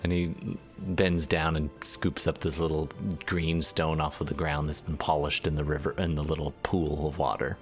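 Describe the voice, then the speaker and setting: A man's voice: rumbling low, little pitch movement, normal speed, hardly any pauses, soft background music. A man narrating a tabletop role-playing game as game master, in a casual descriptive way.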